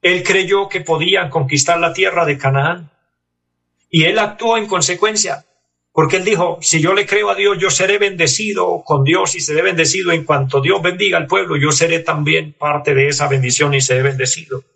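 A man preaching an earnest radio sermon in measured, exhorting phrases. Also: fairly high pitch, gravelly, sharp tone. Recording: distant from the mic.

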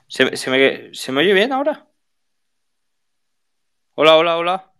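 A man's voice: on the high side, sing-song, a little slow, a bit bright, clean tone. Man from Spain on a choppy, cutting-out call. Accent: Spain Spanish. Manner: chatty, restarts often. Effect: choppy, cutting-out online call audio. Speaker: co-host. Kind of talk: casual market chat. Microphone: online call.

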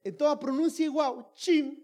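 Animated, joking Chilean man preaching. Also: high-pitched, a little fast. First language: Spanish. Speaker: missionary preacher. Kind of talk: sermon testimony with interpreter.

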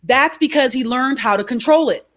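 A woman speaking as a guest in an interview, a behavior coach who explains her ideas through lively stories and keeps asking "right?". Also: sits high, normal speed. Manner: animated storyteller, frequent "right?". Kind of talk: conversational interview.

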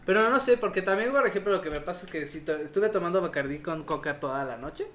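A Mexican woman in casual chat, reacting expressively with quick interjections. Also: fairly low pitch, lively intonation, reverberant. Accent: Mexican Spanish.

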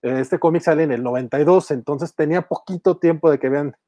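Mexican man, rambling chatty podcast host, mellow tone, dry sound. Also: fairly high pitch, fast talker, no echo. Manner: rambling, many restarts and fillers, chuckles. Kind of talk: casual chat retelling a comic.

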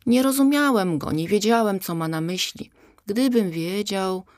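A woman's voice: mid-range voice, lively intonation, unhurried, darkish tone, dry recording, clean studio sound, pitched above the performer's own voice, natural voice. A woman voicing a fretful male horse statue in a children's audiobook, speaking hesitantly. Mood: worried. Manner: hesitant, troubled.

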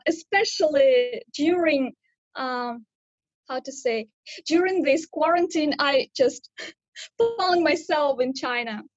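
A woman's voice: high-pitched, no room sound, highs cut off. A woman in her thirties from Kazakhstan, speaking English as an on a video call, hesitant and searching for words as she answers interview questions. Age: 30s. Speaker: interview guest. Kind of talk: casual interview.

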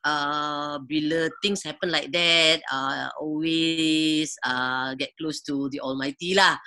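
A woman's voice: sits low, fairly even intonation, slow pace, sharp tone. A middle-aged woman with a Singaporean accent chatting as an interview guest in Singlish, mixing in Malay words and particles like lah and kan, often searching for words. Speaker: podcast guest. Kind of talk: casual interview chat.

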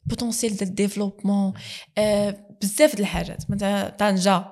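A woman's voice: mid-range voice, flat delivery, fast, darkish tone. A woman with a Moroccan accent, a guest in a casual interview, speaking earnestly and mixing in French words.

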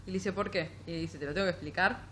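A young Rioplatense woman with a fairly low voice, chatting casually as she recounts a story and quotes the dialogue. She talks loosely and fills her pauses. Faint noise runs underneath. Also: bright, forceful tone. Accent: Rioplatense Spanish. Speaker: book discussion co-host. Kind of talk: casual chat, retelling a novel's scenes.

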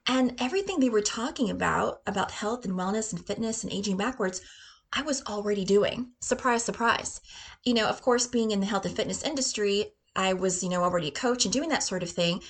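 A woman in her forties hosts her own show as a health and fitness coach, pitching her program in a casual monologue. She sounds bubbly and upbeat and often breaks into laughter. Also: brisk, breathy edge. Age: 40s.

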